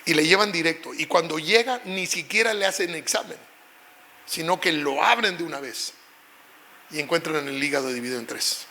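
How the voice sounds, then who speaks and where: A middle-aged male pastor preaching an emotional sermon, telling a personal story and rising at times to shouts. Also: fairly high pitch, moderate pace, a little hiss or hum.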